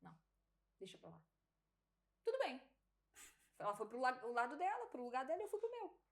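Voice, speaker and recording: Lively Brazilian woman telling a story. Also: high voice, fast talker. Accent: Brazilian Portuguese. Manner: animated, laughs often, acts out dialogue. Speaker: podcast guest. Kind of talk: casual testimony storytelling.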